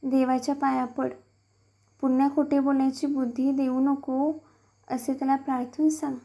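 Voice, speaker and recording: A woman's voice: high-pitched, level tone, moderate pace, dark tone. A woman reading as a stern village mother. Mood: firm. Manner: firm, scolding. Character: stern loving village mother scolding her son.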